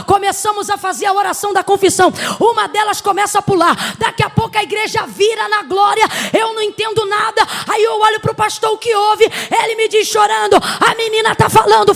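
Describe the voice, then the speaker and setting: A woman from Brazil preaches to a church congregation in a very high, gravelly voice. She tells her story with drama and rises into shouted, fervent exhortation. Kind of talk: emotional sermon.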